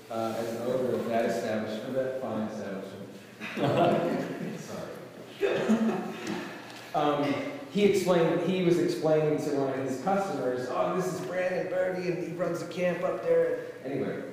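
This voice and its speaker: A man's voice: medium pitch, darkish tone, a little hiss or hum. A middle-aged man, a camp director, gives a speech to an audience, hesitant, with many fillers and restarts, recorded from a distance in a large hall. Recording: roomy hall, distant mic, faint ambience.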